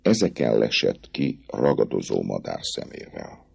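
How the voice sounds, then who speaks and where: A man reading a classic novel aloud as an audiobook narrator, in an expressive, dramatic way. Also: a bass voice, vocal fry, slightly rough, no echo.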